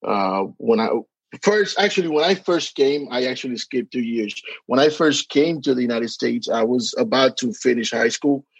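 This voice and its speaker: A gravelly, breathy-edged voice at medium pitch, animated and moderately paced, belongs to a Spanish-speaking podcast guest from the Dominican Republic. He talks casually in a Dominican accent, hesitating with many fillers and restarts, and the recording is dry, dull and lo-fi, with no room sound.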